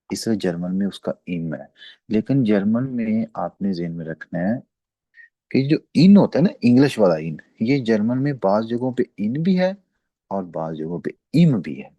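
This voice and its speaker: A man teaching pronunciation in a slow, patient lecture. His voice is low and mellow and rises and falls a lot as he repeats each word. The recording is close and dry. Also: no room sound. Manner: explains slowly, repeats words and says "theek hai" often. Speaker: German language teacher.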